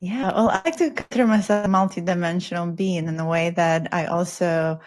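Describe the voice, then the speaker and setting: A woman's voice: fairly low pitch, fairly even intonation, fairly quick, a little mellow. A middle-aged woman from the Soviet Union who grew up in Israel, speaking as an interview guest in an earnest, flowing, reflective way. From Soviet Union, raised in Israel. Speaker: guest, spiritual teacher. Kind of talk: casual interview talk.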